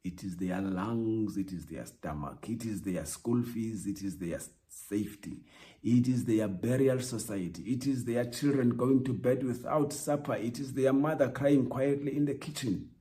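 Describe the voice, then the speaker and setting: A man hosting a podcast, delivering a reflective spoken essay in a measured, emphatic way with repeated rhetorical lines. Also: mid-range voice, mellow. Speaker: podcast host.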